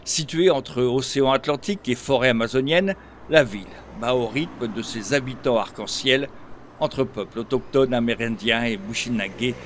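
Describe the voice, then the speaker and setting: A man reads a local news report in an even, measured manner. His voice sits at a middle pitch, and faint background noise runs under it. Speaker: voice-over reporter. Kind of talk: scripted news narration.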